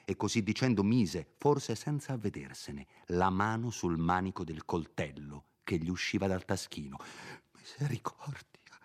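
A man narrating a classic novel as an audiobook in a measured, unhurried reading. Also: low-pitched, animated.

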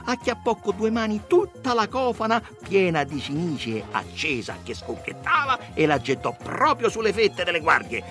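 A man reading a story aloud in a dramatic, expressive way. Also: high-pitched, normal speed, hardly any pauses, faint music behind. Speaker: narrator.

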